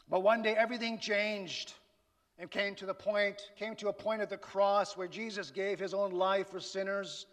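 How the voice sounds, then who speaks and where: A man delivers a sermon with an easy, conversational tone, dropping rhetorical questions to his listeners. He speaks at an unhurried pace. His voice rings out with a long echo, as if in a large church sanctuary. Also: high-pitched, fairly bright tone. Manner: conversational preaching with rhetorical asides. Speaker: pastor. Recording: reverberant hall.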